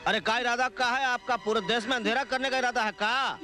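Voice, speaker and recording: Swaggering politician, bossy and crude, loud score behind. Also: male voice, very high voice, steady tone, fairly quick, soft background music, exaggerated voice. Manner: swaggering, commanding. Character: crude powerful male politician, lecherous and bullying. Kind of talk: Hindi film dub. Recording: film soundtrack with loud score.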